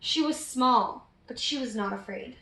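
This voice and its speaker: Reading expressively to young children, a woman uses a somewhat high, sharp-toned voice and a slightly slow pace. She quizzes her small listeners as she goes, in a recording with roomy echo.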